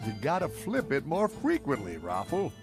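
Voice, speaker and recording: An actor playing a friendly, wry fantasy tavern bartender, with a hearty innkeeper manner and teasing delivery. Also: male voice, fairly high pitch, huge pitch swings, moderate pace, over music. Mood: friendly advice. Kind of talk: in-character answers to questions.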